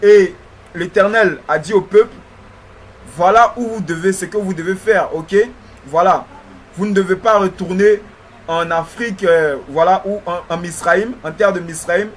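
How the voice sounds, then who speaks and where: A man with a high voice and a slight lisp delivers a religious history lecture. He is didactic, repeating phrases and pausing to check he is followed. Faint noise sits behind the voice. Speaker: religious teacher.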